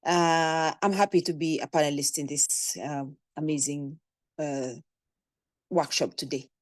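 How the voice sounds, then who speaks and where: A woman's voice: sits low, fairly even intonation, no echo. Friendly Kenyan woman on a dry call. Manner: friendly, halting with fillers. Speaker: panelist, community organizer. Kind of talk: webinar self-introduction. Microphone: video call, camera off.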